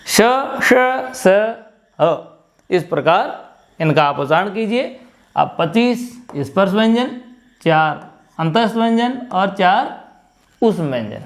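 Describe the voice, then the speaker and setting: A male teacher with a Rajasthani Hindi accent giving a classroom lecture, explaining step by step and repeating sounds slowly for pronunciation. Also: sits high, lively intonation.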